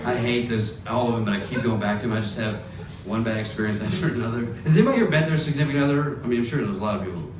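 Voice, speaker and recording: A man from Georgia in the US doing a stand-up set, wry and chuckling through his punchlines, heard from a distance in an echoing club over loud crowd noise. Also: mid-range voice, very fast. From grew up in Georgia, US. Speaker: stand-up comedian. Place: comedy club stage. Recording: roomy club, far mic, loud crowd.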